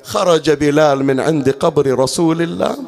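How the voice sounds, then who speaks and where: A man with an Iraqi Arabic accent reciting a religious mourning elegy, moving from quick spoken storytelling into a drawn-out wailing chant. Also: fairly high pitch, vocal fry, a little mellow.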